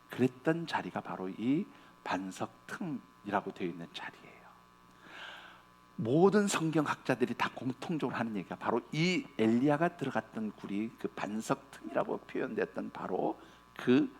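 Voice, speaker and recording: Earnest Korean pastor preaching. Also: male voice, mid-range voice, lively intonation, moderate pace, slight background noise. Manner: earnest, addresses congregation directly; retells scripture in casual speech. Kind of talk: sermon.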